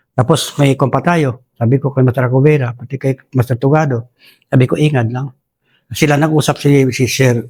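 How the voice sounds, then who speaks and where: A man's voice: mid-range voice, darkish tone. A man from Basilan recounts his time as a soldier, deferential and full of restarts. He keeps calling the host "Sir" as he talks. His voice sits in an ordinary middle range. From Basilan, Philippines. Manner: respectful, says "Sir" constantly, rambling with restarts. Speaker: retired soldier guest. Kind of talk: casual war storytelling.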